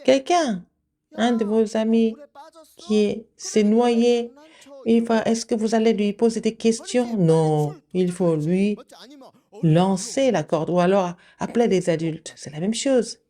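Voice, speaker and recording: A woman giving a children's sermon, asking the kids questions and answering them, with sudden high exclamations. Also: slow pace, mellow. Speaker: kindergarten preacher.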